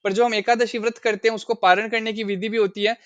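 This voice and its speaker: Male scripture teacher, smooth resonant voice, patient explaining manner. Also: high voice, little pitch movement, fast, fairly bright tone, dry recording, highs cut off. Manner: explains verses and asks listeners questions. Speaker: spiritual teacher. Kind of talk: scripture class.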